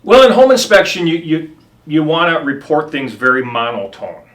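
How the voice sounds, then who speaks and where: Man, middle-aged, bright and forceful voice, home inspector, rambling casual storytelling, lots of ums. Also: a little high, very animated, normal speed. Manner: rambling anecdotes with many ums and restarts.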